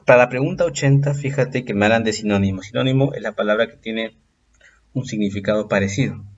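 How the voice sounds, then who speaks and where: A man teaching a recorded exam-prep lesson, patiently explaining step by step and drawing out example words slowly. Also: on the low side, lo-fi sound.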